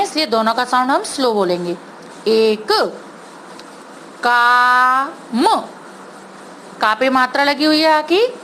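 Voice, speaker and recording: A woman teacher giving an online Hindi lesson to young children, sounding out words slowly and patiently, mixing English words into her Hindi. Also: sits high, fairly bright tone, slight background noise, low-quality recording. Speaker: primary school teacher.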